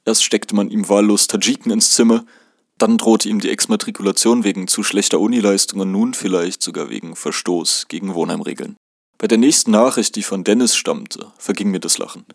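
Calm low-voiced male memoir reader. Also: fairly quick, vocal fry, no room sound, clean studio sound. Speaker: narrator. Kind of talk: reading a first-person memoir.

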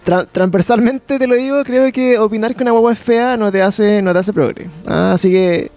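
Chilean podcast co-host, high voice, loose rambling talk, stumbles and swears. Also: male voice, moderate pace, darkish tone, faint music behind. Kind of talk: casual banter.

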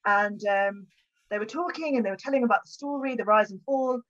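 A woman's voice: medium pitch, brisk, a bit bright. A young woman with a southern English accent, a historian guesting on a podcast, telling stories in a chatty, informal, self-deprecating way. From Buckinghamshire, England. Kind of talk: casual conversational storytelling. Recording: dull, band-limited audio.

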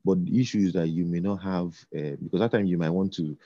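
A man speaks in a very low, mellow voice, stopping and restarting his phrases with lots of ums. The sound is dry and a little dull, like a lo-fi recording. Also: no room sound. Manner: halting, repeats words, many fillers. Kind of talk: casual conversation.

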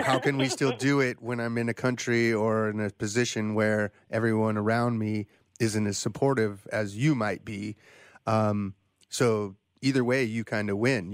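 A man's voice: lowish voice, no echo, studio quality. A man hosting an interview, talking in a loose, chatty way with joking asides. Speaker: podcast host, interviewer. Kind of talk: casual interview talk.

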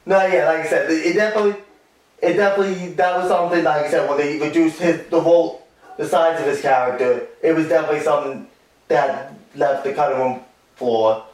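A man's voice: fairly high pitch, fairly even intonation, brisk. A man chatting casually about a stage show and its film, rambling with lots of fillers and restarts. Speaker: co-host discussing a musical and its film. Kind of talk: casual chat. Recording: echoey room, distant from the mic.

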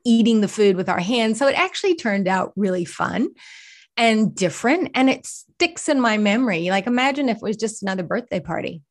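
A woman's voice: mid-range voice, expressive, fairly quick. A woman from the Boston area with an American accent, a podcast guest telling stories in a chatty way, full of "you know" and easy laughs. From Boston area, United States. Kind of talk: casual storytelling chat.

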